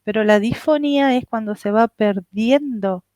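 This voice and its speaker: A woman's voice: a little high, moderate pace, darkish tone, no echo. A woman with an Argentine Spanish accent interviewing a guest, thinking aloud and hesitating often. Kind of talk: interview conversation.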